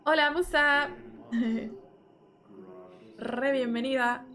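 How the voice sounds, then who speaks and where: A woman's voice: high-pitched, extremely slow. A woman streaming a life-sim game, chatting casually, reading game text aloud and greeting viewers in chat. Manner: excitable, reads game text aloud, shrieks when startled.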